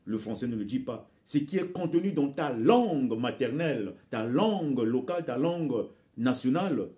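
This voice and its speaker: A Congolese vlogger who speaks Bembe urges on his audience in impassioned commentary delivered to camera, at a moderate pace with lively intonation. His warm, dark voice sits mid-pitch; he calls listeners brothers and sisters and repeats words as he searches for phrasing.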